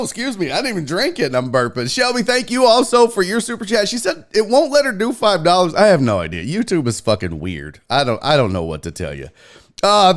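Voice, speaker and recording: Hosting a casual livestream, a man with a high-pitched, fairly bright voice greets his viewers like buddies in slangy terms, joking around bluntly and profanely.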